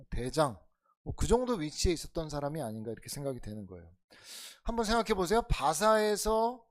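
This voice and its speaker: 교회에서 강해설교를 하는 남자 목사로, 청중에게 질문을 던지며 대화하듯 설교하고, 크게 강조하다가 낮게 속삭이듯 말하기를 오간다. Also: male voice. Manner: conversational preaching with rhetorical questions to the congregation; swings between loud emphatic lines and soft low asides. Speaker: pastor. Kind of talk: expository sermon.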